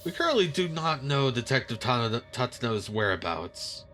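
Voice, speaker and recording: A man reading the lines of a flustered police superior, delivering a halting, hesitant report. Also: medium pitch, very animated, bright, forceful tone, faint music behind. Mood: chagrined.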